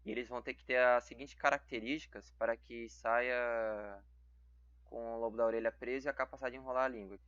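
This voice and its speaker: A teenage boy explaining a genetics exercise haltingly, often checking with tag questions. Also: mid-range voice, steady tone, a bit bright, no echo, lo-fi sound. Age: late teens. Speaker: student explaining a genetics problem.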